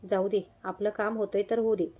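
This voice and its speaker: Lady reading as a grumpy hot-headed young husband in an audio story, snaps at everyone, soft mellow tone. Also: medium pitch, level tone, fairly quick, natural voice. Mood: grumbling. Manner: snapping, irritable. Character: short-tempered young husband, curt and cold.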